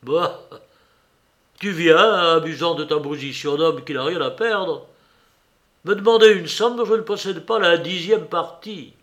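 A cornered, frightened man who pleads and dodges, speaking softly and hesitantly, as a man reading a novel aloud puts him on. The voice stays close to the reader's own, slow and low-key. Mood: defensive.

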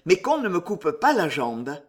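A woman's voice: lowish voice, very animated, measured pace, slightly rough, heavily acted. A woman reading aloud, voicing a wounded young male officer who speaks in an insistent, defiant way.

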